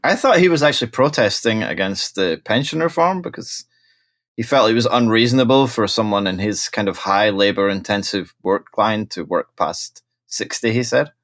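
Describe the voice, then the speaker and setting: A man joining a chess podcast as guest, joking in a deadpan way. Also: lowish voice, moderate pace. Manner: deadpan, jokey. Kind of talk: casual podcast chat.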